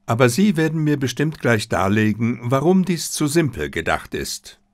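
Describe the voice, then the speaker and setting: A man's voice: medium pitch, big pitch swings, normal speed, no room sound, studio quality, lightly acted. A man reading an earnest, plain-spoken, opinionated doctor, companion to a detective, in an audiobook. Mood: earnest, speculating.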